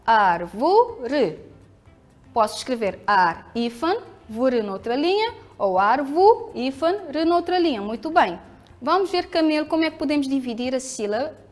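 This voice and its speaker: A woman teacher with a European Portuguese accent, giving a televised school lesson, speaking clearly and patiently, asking the pupils questions and answering them herself. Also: sits high, sing-song, moderate pace, soft background music.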